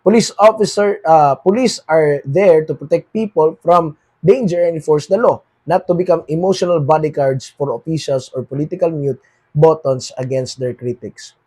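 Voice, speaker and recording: A Filipino man with a Filipino accent hosting a political commentary monologue, moving between read English lines and Tagalog and dropping quieter at the end of phrases. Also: fairly high pitch, normal speed, slightly rough. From Philippines. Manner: switches between read English and Tagalog, repeats "mga kaboses, mga kababayan"; trails off quieter at phrase ends.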